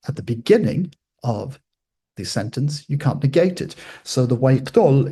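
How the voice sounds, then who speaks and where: A Swedish-speaking man with a mellow, mid-range voice and a breathy edge explains ancient grammar in an informal, scholarly way. He keeps pausing to restate and qualify his points.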